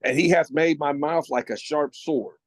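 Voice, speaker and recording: A man reading scripture aloud in a solemn, measured way. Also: a little high, no echo. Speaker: scripture reader.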